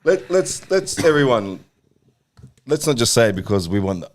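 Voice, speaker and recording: A man's voice: medium pitch, unhurried. A man, a co-host of a football fan show, talking animatedly in casual chat and saying "bro" often. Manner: animated, swearing, says bro a lot.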